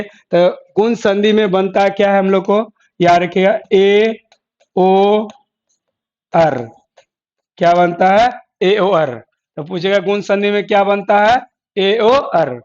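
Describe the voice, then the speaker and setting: High-voiced male teacher, repetitive drilling. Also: fairly even intonation, unhurried, a little mellow. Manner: repetitive, asks and answers own questions. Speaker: exam coaching teacher. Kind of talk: classroom lecture with board examples. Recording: dull lo-fi classroom recording.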